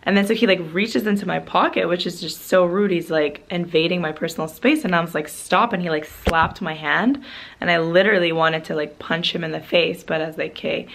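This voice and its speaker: Brief: young woman vlogger, lowish creaky voice, chatty storytelling full of "like". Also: brisk. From Canada. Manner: heavy use of "like" filler, animated retelling. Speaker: travel vlogger. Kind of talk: casual vlog storytelling.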